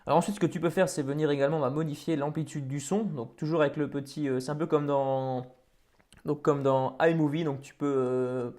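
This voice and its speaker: A man hosting a software tutorial, talking casually over a screen recording with many fillers and restarts. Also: fairly high pitch, fairly even intonation, brisk. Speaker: tutorial host.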